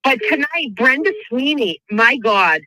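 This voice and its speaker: A woman's voice: high voice, expressive, measured pace, sharp tone, low-quality recording. A woman with a Boston accent chatting casually as a caller to a show, effusive and emphatic, often repeating phrases for emphasis. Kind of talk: casual chat.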